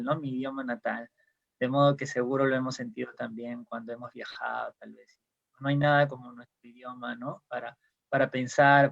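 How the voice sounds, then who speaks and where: Over a video call, a Peruvian man appears as a guest, explaining ideas casually. His medium-pitched, gravelly voice has the highs cut off, and he hesitates a lot, with many fillers and restarts.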